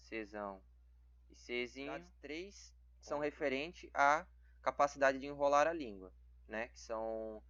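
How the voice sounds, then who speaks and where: A teenage boy explaining a genetics exercise haltingly, often checking with tag questions. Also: medium pitch, fairly bright tone, clear, resonant tone, no echo, dull audio. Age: late teens. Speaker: student explaining a genetics problem.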